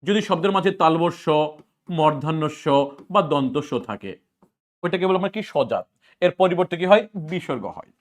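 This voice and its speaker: In a slightly high voice with lively intonation, a teacher with a Bangladeshi Bengali accent drills his class on grammar for an exam. He fires off repeated questions and answers in quick, casual speech.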